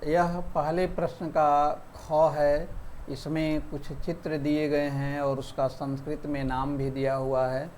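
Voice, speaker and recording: Slow-spoken Sanskrit teacher explaining a lesson. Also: male voice, fairly high pitch, darkish tone, a little hiss or hum. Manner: slow, spelling out syllables one by one.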